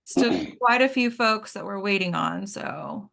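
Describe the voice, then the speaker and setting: The host and organizer of an acting table read talks casually while participants trickle in, trailing off as she checks arrivals. Her mid-range voice is expressive and a bit bright, with vocal fry and a measured pace.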